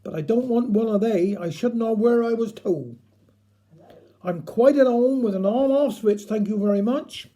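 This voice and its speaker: A man's voice: sits high, moderate pace, mellow. A man with a broad Cornish West Country accent telling a homely dialect story in a chatty, folksy way.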